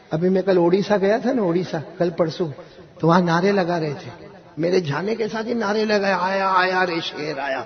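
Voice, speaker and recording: A man telling a religious story to children in a lively way, often asking them to answer back. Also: on the high side, dull audio. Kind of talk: animated storytelling to a young audience.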